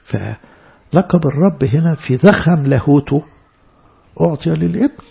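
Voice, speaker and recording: A man with an Egyptian Arabic accent preaching a church sermon, stressing words loudly and then dropping into soft asides. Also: on the high side, lively intonation, measured pace, vocal fry, husky, muffled recording. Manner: emphatic, swinging between loud stresses and soft asides.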